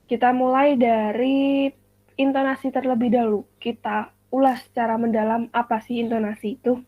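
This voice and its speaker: A woman's voice: a little high, level tone, normal speed, no echo. A young woman teaching an online class as the teacher, explaining step by step and quizzing her students with examples. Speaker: teacher in a practice lesson. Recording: dry tinny call audio.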